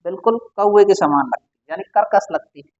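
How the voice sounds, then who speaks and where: Guy with a high voice running an exam prep word lesson, keeps asking and answering himself, sound kinda dull and muffled. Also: expressive, brisk, darkish tone. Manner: quizzing the listener with repeated questions. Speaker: teacher.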